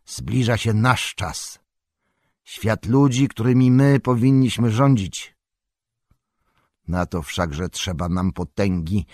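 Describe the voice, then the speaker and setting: A man reading an audiobook who voices a proud, scornful old male wizard lord, speaking slowly and grandly, as if declaiming. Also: on the low side, a little mellow, no room sound, clean studio sound.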